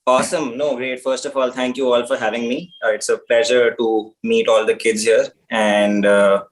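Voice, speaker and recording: A man's voice: medium pitch, little pitch movement, moderate pace, poor audio. A man in his thirties with an Indian accent, speaking informally and reflectively to students as a guest on a video call. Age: 30s.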